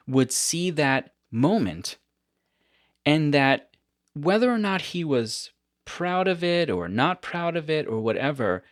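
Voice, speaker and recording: A man hosting a podcast who tells stories in an animated, casual way and often laughs between his points. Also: on the high side, no echo, studio quality. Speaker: podcast host. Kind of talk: casual conversation.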